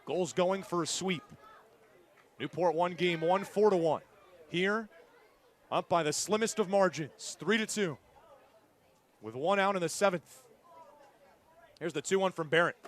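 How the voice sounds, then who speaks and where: A high-pitched male announcer gives live play-by-play in clipped, punchy phrases, speaking a little slowly and pausing often. Behind him is the noise of an outdoor ballpark crowd.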